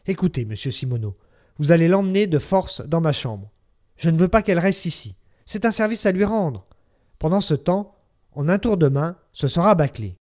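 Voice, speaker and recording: A man voicing an old woman neighbor who is brisk and bossy, talking in a hushed, urging way. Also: on the high side, lively intonation, natural voice. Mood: coaxing.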